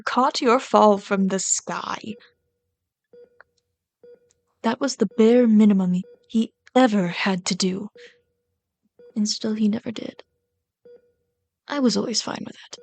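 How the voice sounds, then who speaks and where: Here a woman voices a resentful villain hopelessly in love with a hero's sidekick, as part of a close, intimate ASMR roleplay. Her mid-pitched delivery is slow and intense, frequently sinking to breathy whispers. The tone is somewhat dark and the acting fairly light.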